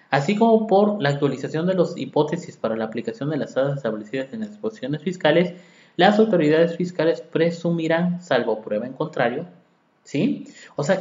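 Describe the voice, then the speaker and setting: This Mexican accountant's voice runs on the high side and sounds mellow. In his podcast lecture on tax law, he reads legal articles aloud and explains them using rhetorical questions directed at his listeners. The recording has an echoey room and a dull, lo-fi character.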